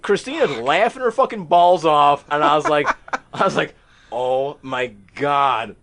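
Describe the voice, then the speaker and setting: A man's voice: on the high side, lively intonation, moderate pace, gravelly, fairly bright tone. A man hosting a podcast, telling a story among friends in a casual, profane, self-mocking way.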